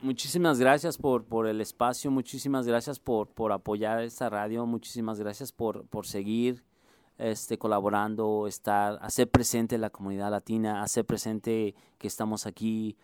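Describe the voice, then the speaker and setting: A middle-aged man from Mexico City with a capital-city Mexican accent, a musician and music instructor speaking earnestly in a radio interview, halting with many fillers and restarts. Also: on the low side, flat delivery, a little mellow, smooth, dry recording, clean studio sound. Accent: Mexico City Spanish.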